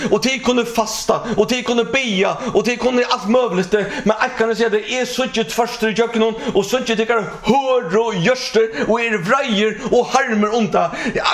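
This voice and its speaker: A man's voice: high-pitched, fairly bright tone. A man preaching a sermon, emphatic, often repeating words and restarting phrases.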